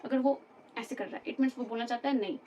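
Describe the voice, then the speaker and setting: Distant, high-pitched woman teaching a lesson. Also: quick pace, warm tone, slight background noise. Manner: explains patiently, repeats terms and checks "ठीक है?". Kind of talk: classroom lecture.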